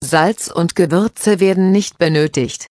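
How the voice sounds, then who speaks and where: A woman's voice: fairly low pitch, measured pace, dry recording, studio quality, lightly acted. Woman reading a patient, instructive mother. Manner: calm, instructive. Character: patient mother explaining cooking to her children.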